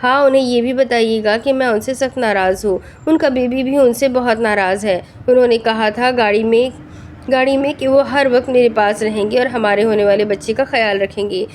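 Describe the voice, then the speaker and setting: A hurt young wife in the late months of waiting speaks in a pleading, upset tone, as a woman narrator reads her. The voice sits somewhat high, in an audiobook reading. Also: fairly even intonation, a little hiss or hum, lightly acted. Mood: tearful. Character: tearful young pregnant wife, clinging and hurt.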